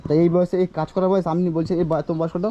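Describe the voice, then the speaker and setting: A man's voice: sits high, little pitch movement, rapid-fire, mellow, muffled recording. A man filming outdoors as a social worker vlogger, pressing with repeated questions. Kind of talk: confrontational street interview.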